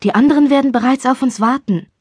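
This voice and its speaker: A woman voicing a lively young best friend in an audiobook, talking quickly and eagerly. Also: high-pitched, breathy edge, no room sound, clean studio sound, pitched above the performer's own voice. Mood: eager, pouting.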